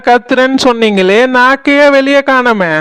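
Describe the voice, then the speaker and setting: A voice actor playing a cheeky young wife who talks back to her mother-in-law in a cartoon, speaking with a Kanyakumari Tamil accent and making quick, mocking retorts. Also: mid-range voice, a bit bright, clear, resonant tone, dry recording, voice pushed up, lightly acted.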